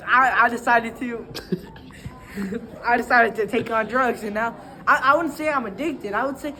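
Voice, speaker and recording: A young woman improvising a mock interview, deadpan and stammering. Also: fairly high pitch, moderate pace, soft background music. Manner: deadpan, stammering, breaks into laughter. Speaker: interviewee in a comedy skit.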